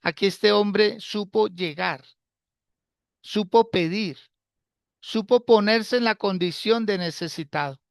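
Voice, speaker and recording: A man preaches at an unhurried, measured pace. His voice has a gravelly, creaky edge. He repeats key phrases and turns to the listeners with rhetorical questions. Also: high voice, dry recording, studio quality. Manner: asks the congregation rhetorical questions. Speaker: pastor. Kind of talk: sermon.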